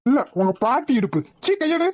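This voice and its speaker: A woman's voice: a little high, a little fast, crowd noise, natural voice. A woman voicing a nervous, bossy young man driving a getaway car, with a snappy scolding manner.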